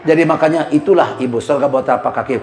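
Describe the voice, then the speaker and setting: A man's voice: a little high, racing, reverberant, background noise. A middle-aged man giving a comic sermon, telling jokey stories and constantly turning to the congregation. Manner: joking storyteller, addresses the congregation constantly. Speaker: preacher. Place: mosque.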